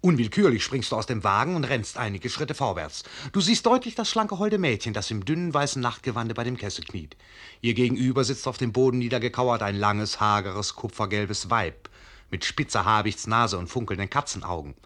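An actor as the wry literary narrator of a radio play, telling it vividly with measured emphasis. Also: male voice, mid-range voice, lively intonation, fairly bright tone. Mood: suspenseful. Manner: measured emphasis, addresses the listener. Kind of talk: dramatic storybook narration.

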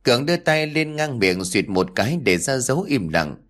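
A man narrating a horror audiobook in a steady, measured reading voice. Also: mid-range voice. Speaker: storyteller.

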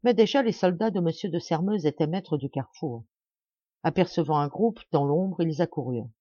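A woman reading a classic novel aloud in a measured, dramatic storytelling manner. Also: low-pitched, warm tone, no room sound, lo-fi sound. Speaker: audiobook reader. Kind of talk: audiobook narration of a classic novel.

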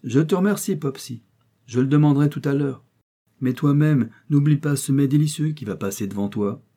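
A man's voice: medium pitch, normal speed, warm tone, breathy edge, voice pushed up. A man voicing a doting army major answering his wife across the table. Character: doting middle-aged army major, husband.

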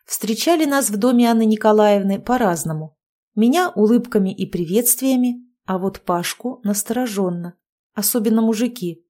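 A woman narrating a first-person audiobook in an even storytelling manner. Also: medium pitch, moderate pace.

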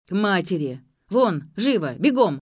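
A woman reading as a furious yelling young man. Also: fairly low pitch, expressive, moderate pace, close to an everyday voice. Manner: shouting, abrupt barked commands.

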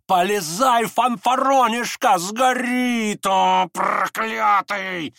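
A man reading an audiobook, voicing a pushy, desperate man who shouts shrilly. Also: high voice, very slow, gravelly, no echo, studio quality, pitched above the performer's own voice, exaggerated voice. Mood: frantic.

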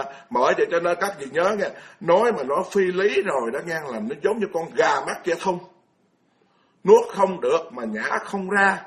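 A man, giving a blunt, colloquial Buddhist sermon full of scolding rhetorical questions. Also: fairly high pitch. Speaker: Buddhist monk lecturer.

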